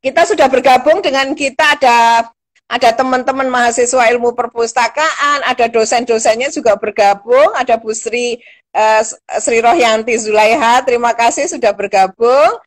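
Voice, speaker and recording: A woman's voice: on the high side, moderate pace. A middle-aged woman, a lecturer hosting a casual live-stream chat, encouraging and chatty, with frequent fillers and small laughs.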